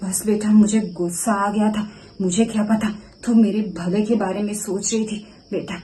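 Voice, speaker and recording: A woman's voice: medium pitch, steady tone, moderate pace, mellow, slight background noise, lightly acted, poor audio. A woman acting a stubborn, hot-tempered older mother-in-law in a short family skit, rambling through her complaints and stammering when she feels guilty. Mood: remorseful.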